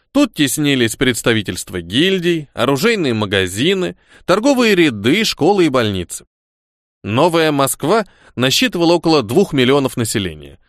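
A man reading a first-person novel aloud as an audiobook narrator, with expressive storytelling. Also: medium pitch, dry recording, clean studio sound.

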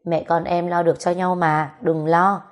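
A woman's voice: on the low side, flat delivery, moderate pace, natural voice. Woman reading as a teasing, pestering young mother. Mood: coaxing. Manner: teasing, wheedling, cajoling.

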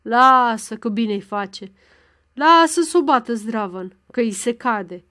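A woman's voice: fairly high pitch, animated, a bit bright. A woman voicing a callous, spiteful young village man in a storybook reading, answering with a dismissive sneer.

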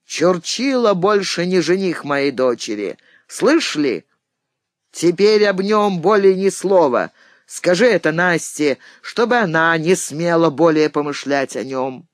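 Woman reader voicing a harsh old father, lowered voice, curt and commanding, dry close sound. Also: expressive, measured pace, no echo. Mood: gruff scolding. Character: gruff stern old father, harsh and domineering.

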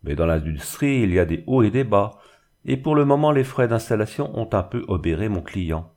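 A man voicing an obsequious, smooth-talking village bailiff with an unctuous, honeyed manner. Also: lowish voice, lively intonation, normal speed, a little mellow. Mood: wheedling.

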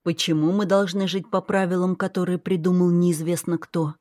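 A wry, world-weary young man, read by a woman narrator in a storybook. The delivery is dry and matter-of-fact, on the lower side of her voice. It sounds close and dry. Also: little pitch movement, moderate pace, warm tone, no echo, lightly acted. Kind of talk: audiobook character voice.

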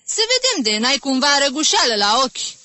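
Storybook figure: woman acting an irate middle-aged male music teacher, shrill shouted scolding, dry close sound. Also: expressive, no echo. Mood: mocking. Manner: shouting insults, shrill and explosive.

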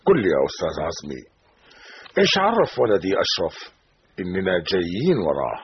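An anxious old Bedouin sheikh. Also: male voice, deep voice, wildly swooping pitch, fast, slight background noise, exaggerated voice. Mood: worried. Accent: Sinai Bedouin Arabic. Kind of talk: 1970s radio drama acting. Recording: dull old radio recording.

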